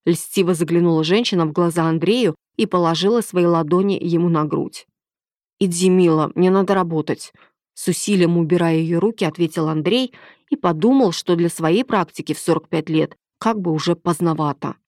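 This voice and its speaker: A woman narrating an audiobook in a steady, even reading voice. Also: on the low side, fairly quick, no echo, clean studio sound.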